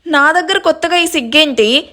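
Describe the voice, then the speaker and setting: A woman storyteller voicing a brisk, bossy elder sister who scolds. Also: high-pitched, pushed and bright, voice pushed up. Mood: scolding.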